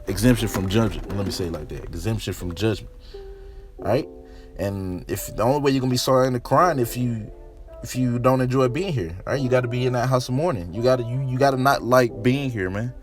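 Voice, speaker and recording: Man, casual street preacher, mid-pitched, faint music under the voice. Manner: casual slangy preaching, repeats himself, calls listeners "man". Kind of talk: informal sermon with scripture reading.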